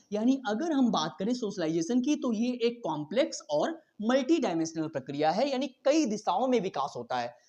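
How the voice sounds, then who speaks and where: A man teaching an exam-prep lesson at a very fast pace, chatty and casual, mixing in English terms and often checking in with his students. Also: sits high, darkish tone, muffled recording. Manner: very fast talker, says he cannot slow down.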